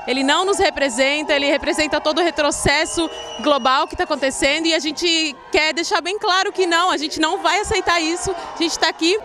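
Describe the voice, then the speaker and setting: Woman at a street march, high voice, firm and emphatic. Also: fairly even intonation, a little fast, sharp tone, slight background noise. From Santa Catarina, Brazil. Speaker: protester. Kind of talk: street interview. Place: outdoor city street protest.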